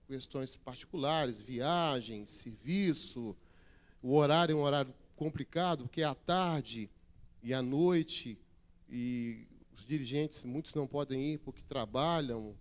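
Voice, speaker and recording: Chatty pastor giving church notices. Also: male voice, a little high. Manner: chatty, joking with the congregation. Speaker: regional pastor. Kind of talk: church announcements and preaching.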